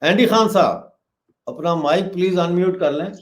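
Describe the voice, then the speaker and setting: A man's voice: high voice, moderate pace. A man hosting a political panel, moderating the discussion with brief interjections. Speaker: host.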